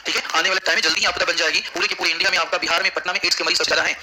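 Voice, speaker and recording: A man's voice: high voice, fairly even intonation, very fast, bright, forceful tone, a little hiss or hum, low-quality recording. A man teaching geography to a class, constantly asking questions and answering them himself. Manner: drills students with repeated questions. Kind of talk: classroom lecture.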